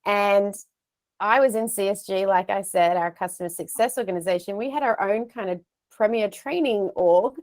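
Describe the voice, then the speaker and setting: A woman's voice: mid-range voice, moderate pace, darkish tone. Australian woman, 30s, chatty career story, self-deprecating, earphone mic, video call, home office. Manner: chatty, self-deprecating, gestures while talking. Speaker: guest speaker. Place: home office with shelves of plush toys.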